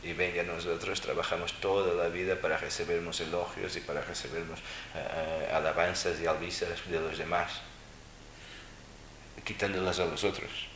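A man's voice: sits low, flat delivery, moderate pace, fairly bright tone, a little hiss or hum. A man giving a Buddhist dharma talk, teaching with wry, mocking asides. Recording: roomy echo with faint ambience.

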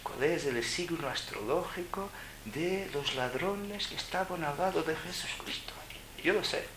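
A man giving a live spiritual talk to an audience, animated and joking, with lots of rhetorical questions. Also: fairly high pitch, unhurried. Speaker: spiritual speaker. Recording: roomy hall with ambient noise.

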